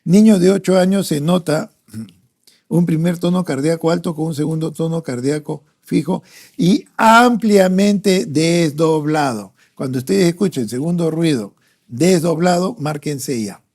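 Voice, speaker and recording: This is a doctor with a Peruvian Spanish accent giving a pediatric cardiology review lecture for exam prep. He works through questions out loud, sprinkling in "¿no?" and "este," in a fairly high, darkish voice at normal speed.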